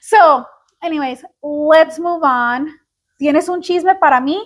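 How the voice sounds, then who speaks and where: High-voiced gossiping woman. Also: slow. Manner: chatty gossip teller, mixes Spanish words into English. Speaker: podcast co-host. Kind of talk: casual chat.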